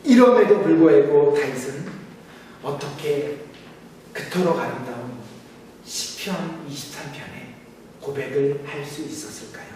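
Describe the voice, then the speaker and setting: A man from Seoul, a pastor, preaching a sermon in a measured, solemn way with rising emphasis. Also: on the high side, warm tone, a little hiss or hum. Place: church sanctuary. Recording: echoey church hall, mic far off.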